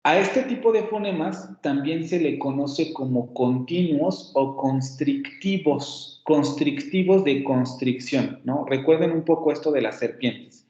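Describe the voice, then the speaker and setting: Man, Mexican Spanish accent, university phonetics teacher; slightly high voice, patient explainer who sounds out examples; lo-fi, roomy recording. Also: measured pace, hardly any pauses, warm tone. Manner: explains patiently, repeats sounds aloud as demonstrations. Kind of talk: online class lecture. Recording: echoey room, dull lo-fi audio.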